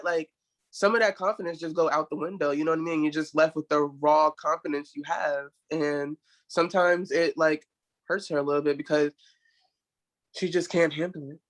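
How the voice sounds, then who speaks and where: A man's voice: on the high side, fairly even intonation, moderate pace, fairly bright tone. A man in his twenties, a guest in a casual chat, laid-back and chatty, dropping many likes and you-knows. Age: 20s.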